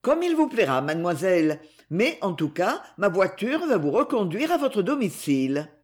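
A woman's voice: mid-range voice, big pitch swings, moderate pace, lightly acted. Woman reading as a suave, commanding young count. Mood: courteous. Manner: courteous but imperious.

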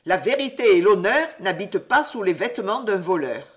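A woman's voice: mid-range voice, sing-song, normal speed, natural voice. A woman voicing a solemn male headmaster who scolds a pupil in a reproachful tone. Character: grave disappointed male headmaster.

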